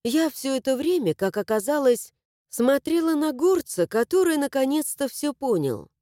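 A woman reads a fantasy novel aloud in the first person, lending an emotional color to the heroine's thoughts. Her voice sits slightly high and sounds warm and soft. The recording is close and dry. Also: sing-song, normal speed, dry recording. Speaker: audiobook narrator. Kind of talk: first-person audiobook narration.

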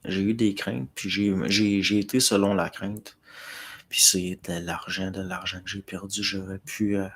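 This is a middle-aged man with a Québécois accent who hosts a livestream, reading out viewer comments and answering them. His voice sits low and gravelly, with a husky edge. He talks in a loose, hesitant way, doubling back and filling pauses as he goes. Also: flat delivery. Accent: Québécois French. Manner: hesitant, many fillers and restarts, talking to chat. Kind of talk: casual rambling chat.

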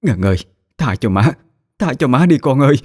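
A man voicing a crazed, haunted middle-aged woman begging her dead daughter in a shrill wail. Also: lively intonation, moderate pace, darkish tone, breathy edge, no room sound. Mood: frantic pleading.

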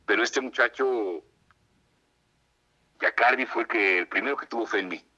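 A middle-aged man with a Mexican accent, a voice actor telling lively stories as a radio interview guest and acting out what others said. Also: mid-range voice, moderate pace, muffled recording. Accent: Mexican Spanish. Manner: animated, acts out quoted voices.

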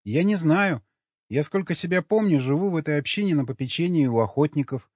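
A man reading an audiobook, voicing a meek, naive young woman who talks in a soft, docile, matter-of-fact way. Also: a little high, animated, brisk, no echo, pitched above the performer's own voice. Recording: dull lo-fi recording.

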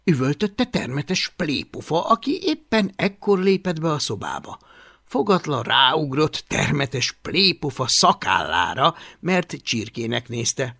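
A man reads a children's adventure story aloud with expressive, animated narration. His voice is bright and sits a bit high, with wide pitch movement. The recording is close and dry. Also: creaky, no room sound. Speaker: audiobook narrator.

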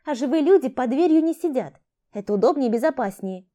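A woman narrator doing a cocky young female thief with a high, lively, swooping voice that bosses and scolds. The tone stays mellow rather than bright, each line snapped out in a sharp-tongued way in this storybook reading. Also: quick pace. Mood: brisk, persuasive. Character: brash young female thief, impatient and scornful. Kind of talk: audiobook character voice.

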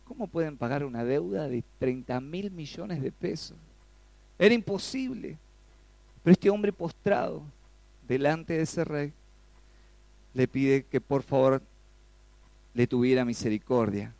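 Male preacher, gravelly voice, animated sermon, dry close recording. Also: a little high, measured pace, long pauses, no room sound. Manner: animated, rises sharply when acting out pleas; asks the congregation questions.

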